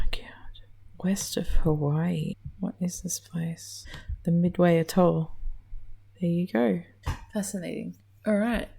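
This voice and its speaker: A low, dark-toned Australian woman talks through a game in casual commentary. Her voice is heavily gravelly with a husky edge, and she mutters dryly, curses under her breath and slips into whispers.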